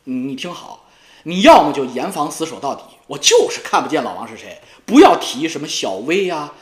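A man's voice: a little high, very animated, a little fast. Taunting, profane man in an echoey room. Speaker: YouTube commentator. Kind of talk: ranting monologue. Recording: roomy echo.

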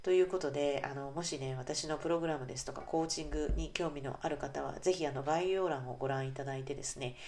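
A woman's voice: deep voice, fast talker, few pauses, a little mellow. A woman hosting her own podcast as an English coach, talking casually to listeners with frequent fillers and friendly asides. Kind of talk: casual solo podcast talk.

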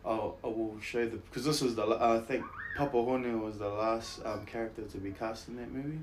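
A man's voice: medium pitch, brisk, slight background noise. A man around his thirties with a broad New Zealand accent, chatting casually as an interview guest in a laid-back, slangy, self-deprecating way. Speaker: interview guest, actor and musician. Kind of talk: casual chat, anecdotes.

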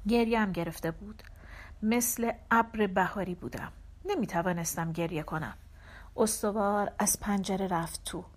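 A woman narrating a literary short story in the first person, calm and measured. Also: medium pitch. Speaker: audiobook narrator.

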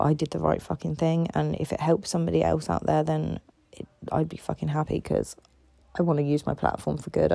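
A woman's voice: lowish voice, creaky, warm tone, dry recording. A tired woman in a candid solo podcast monologue, rambling and swearing a lot, frustrated and raw.

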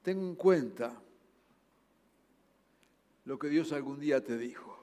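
A pastor with a Rioplatense Spanish accent preaches a sermon slowly, earnestly urging his listeners as his voice rises loud and then falls to soft, low passages. The recording has long hall reverb.

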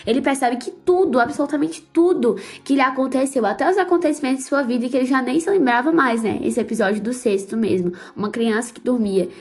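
A woman's voice: high-pitched, a little fast, few pauses. A woman hosting a podcast, talking about a book in a heartfelt, fervent, casual way with religious exclamations. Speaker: podcast host. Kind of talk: emotional casual book commentary.

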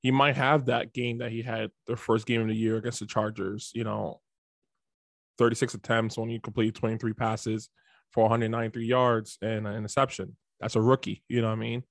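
A man's voice: on the low side, little pitch movement, fairly quick, vocal fry, dry recording, clean studio sound. Casual man on a home computer mic. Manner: loose and chatty, quotes stats. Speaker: podcast co-host. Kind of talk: casual fantasy football chat. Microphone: home computer setup mic.

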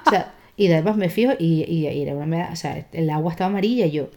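A woman's voice: low voice, fast, slight background noise. A woman co-hosting a casual podcast, telling stories and acting out voices. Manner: animated storytelling, acts out voices. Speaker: podcast co-host. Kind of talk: casual chat.

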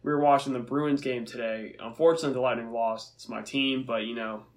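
A man's voice: mid-range voice, fairly even intonation, fairly quick. A young man from the United States co-hosting a podcast in casual sports chat, talking in a chatty way with sarcastic, teasing asides. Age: young adult. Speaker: podcast co-host.

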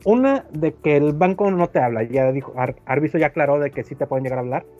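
A man's voice: on the high side, expressive, quick pace, highs cut off, soft background music. A man with a Mexican accent rambling through a story in casual chat, acting out the voices of others. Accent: Mexican Spanish. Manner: rambling storyteller, acts out quoted voices, many fillers. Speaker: podcast co-host. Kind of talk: casual chat, telling an anecdote.

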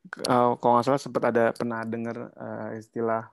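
A man interviews his guest, mostly adding short interjections and then asking a question with some hesitation. His voice sounds mid-pitched and is recorded dry, with no room echo. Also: completely flat delivery, brisk, gravelly.

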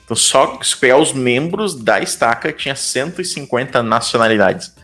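A man's voice: medium pitch, expressive, moderate pace, fairly bright tone, faint music behind. A young Brazilian man with a Brazilian Portuguese accent, talking casually as an interview guest and leaning on fillers like "cara" and "tipo".

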